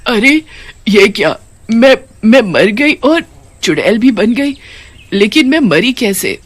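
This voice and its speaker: A woman's voice: fairly high pitch, sing-song, slow pace, dry recording, voice pushed up, full character voice. A woman voicing a grieving mother who has become a witch ghost, pleading and motherly in a cartoon story. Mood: startled.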